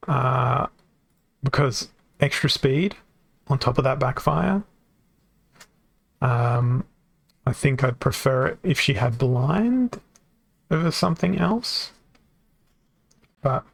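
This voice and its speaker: Gravelly man rambling through a game stream. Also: medium pitch. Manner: rambling, thinking aloud, self-correcting. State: voice getting worn from long talking. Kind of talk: casual game stream commentary. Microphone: desk microphone.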